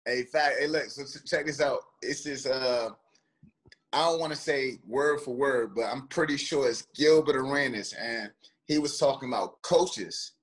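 A young man from Washington, DC, a former football player and trainer, telling stories in a lively, slangy way with many restarts. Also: medium pitch, moderate pace. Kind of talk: casual podcast chat.

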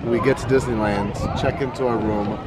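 Holding his camera at arm's length, a travel vlogger wanders a resort, mostly outside, chatting in a loose, rambling way. He's an upbeat American in his twenties with a mid-range voice, fairly even intonation and normal speed. Crowd chatter and traffic make the outdoor recording very noisy.

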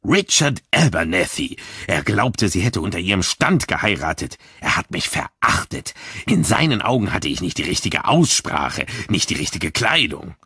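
A man voicing a spiteful, agitated young man, smug and excitable, bordering on hysteria. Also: mid-range voice, normal speed, breathy edge, no room sound, clean studio sound, heavily acted. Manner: bitter, self-satisfied, excitable.

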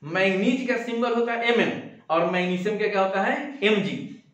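Male teacher with a high voice, folksy lecture style, recorded from across a booming classroom. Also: normal speed, a bit bright. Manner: colloquial, folksy, uses village sayings and mnemonics. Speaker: school teacher. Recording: echoey, distant, dull lo-fi classroom recording.

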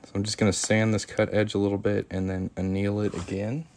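A man's voice: on the low side, level tone, brisk, darkish tone. A man chatting casually while demonstrating craft work live and answering viewer comments. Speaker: coin ring maker streaming live. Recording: noisy workshop live stream. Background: workshop tool noise, sanding and clicks.

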